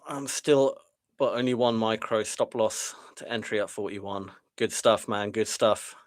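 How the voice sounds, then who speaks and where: A man giving live trading commentary to his viewers in a frustrated, self-deprecating way, sighing as he muses. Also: lowish voice. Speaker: day trader streaming live.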